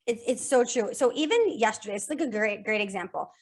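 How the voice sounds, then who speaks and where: A woman guest on a podcast, talking about sales in a casual, energetic way, repeating phrases in lists and often restarting. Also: a little high, fairly quick.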